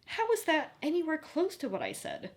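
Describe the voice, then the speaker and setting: A woman's voice: medium pitch, very animated, fast, close to an everyday voice. Woman doing Sam, a blunt sarcastic young witch. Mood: exasperated.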